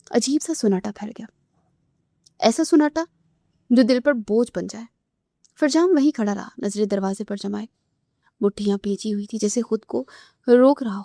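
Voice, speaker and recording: A woman narrating a romance novel aloud in a soft, emotive way, sometimes dropping to a whisper. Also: medium pitch, no echo, studio quality.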